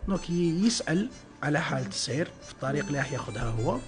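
A man's voice: fairly high pitch, animated, racing, soft background music. A man with an Algerian Arabic accent, a guest on a radio interview, explaining at length with many filler sounds and French words mixed in. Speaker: guest, traffic info page team member.

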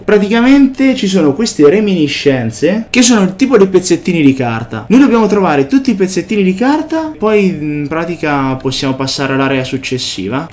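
A man doing a let's play commentary on a horror game, excitable, swearing and shouting whenever something jumps out. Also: fairly high pitch. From Italy. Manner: excitable, swears and yelps at scares. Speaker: gameplay commentator.

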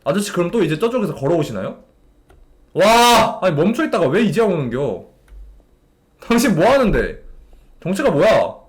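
A man's voice: high voice, big pitch swings, moderate pace, long pauses. A young man streaming a game, talking in an exasperated way to a game character and his chat. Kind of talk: live gameplay commentary to chat.

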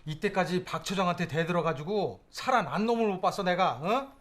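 An actor playing an anxious, excitable senior male prosecutor in a period film, scolding and exclaiming fretfully. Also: high-pitched, brisk. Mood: fretting. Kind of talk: 1980s period film acting. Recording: film audio with clear noise.

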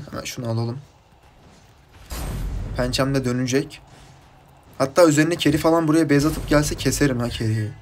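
A man from Turkey commenting casually on his mobile game match, chatty and rambling from topic to topic, with bursts of excited shouting at his teammates. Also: mid-range voice, normal speed, pauses often, slight background noise. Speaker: gaming YouTuber.

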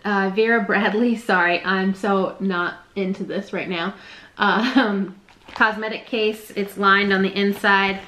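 A woman's voice: medium pitch, fairly bright tone, a little hiss or hum, low-quality recording. A young woman chatting casually through a resale haul vlog, rambling and self-deprecating. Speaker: reseller vlogger.

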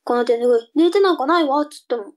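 A woman's voice: high-pitched, fast, lightly acted. A woman voicing a cheeky, sulky younger sister in a comic tongue-twister reading drama, with a cute anime-girl delivery. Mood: bright, matter-of-fact.

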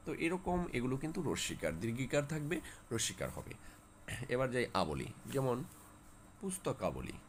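A man's voice: medium pitch, a little hiss or hum. A man teaching students spelling rules, often repeating key words and asking then answering his own questions. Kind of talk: spelling lesson for exam students.

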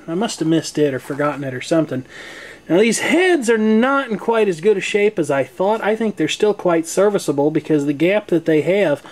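An American presenter shows how to maintain a tape deck in a casual, hands-on demonstration at home, explaining things in a folksy, wry way. His voice sits high with a darkish tone. It was recorded indoors on a handheld camcorder microphone.

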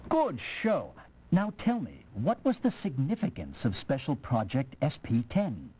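An actor playing a hearty, formal court judge who praises and quizzes the player. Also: male voice, medium pitch, wildly swooping pitch, measured pace, warm tone, breathy edge, heavily acted, poor audio. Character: jovial English court judge. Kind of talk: video game voice acting.

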